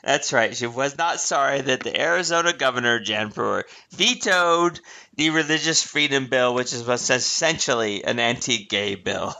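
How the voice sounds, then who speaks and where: A man's voice: mid-range voice, normal speed, gravelly, bright, forceful tone. A man co-hosting a casual political chat, quizzing his partner and teasing him with frequent laughs. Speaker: podcast co-host running a quiz.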